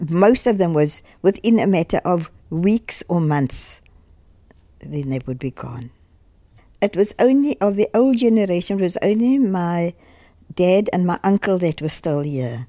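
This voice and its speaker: Older south african woman telling her story, lowish mellow voice, dry sound, gets emotional and trips over words. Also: no room sound. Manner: halting, repeats words, emotional. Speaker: interviewee. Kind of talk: emotional personal recollection.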